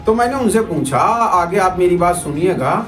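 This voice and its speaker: A man whose high-pitched, fairly bright voice has lively intonation speaks at normal speed, presenting a video report as a citizen journalist. He argues informally with viewers, repeats himself, and asks rhetorical questions; the room echoes and music runs underneath.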